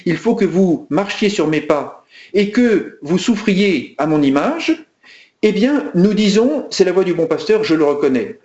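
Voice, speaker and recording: A man's voice: on the high side, dark tone, reverberant, muffled recording. A man preaching an earnest sermon as a priest, asking rhetorical questions and restarting his phrases often.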